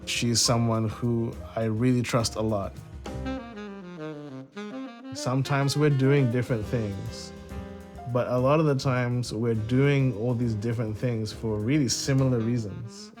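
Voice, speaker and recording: A man's voice: mid-range voice, fairly even intonation, a little slow, over music. A man, a jazz musician speaking thoughtfully in a documentary interview, often hedging with "sort of" and "like". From born in Singapore, raised in New Zealand.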